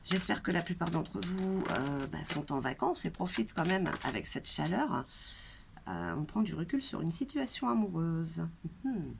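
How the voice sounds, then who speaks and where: With a stuffed-up, nasal voice and a very gravelly creak, a woman who hosts a tarot channel chats casually through a reading for her viewers. Her lowish voice swings widely in pitch at a moderate pace, broken by coughs and throat-clearing from her blocked, congested throat. Wind noise fills the outdoor recording.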